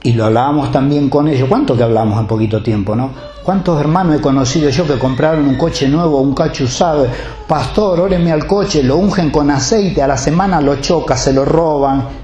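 A man's voice: medium pitch, a little fast, mellow, echoey room. A man with a Rioplatense Spanish accent, preaching a sermon as pastor, talking conversationally and putting direct questions to his congregation.

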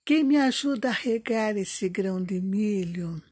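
A woman voicing a gentle, patient hen who asks mildly for help and ends up working alone, in a children's storytelling. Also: mid-range voice, lively intonation, unhurried, breathy edge, no room sound. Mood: asking.

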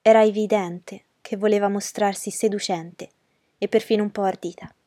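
A woman narrating a novel aloud in a calm, measured way. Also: mid-range voice, no echo, studio quality. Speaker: audiobook narrator. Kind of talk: scripted narration.

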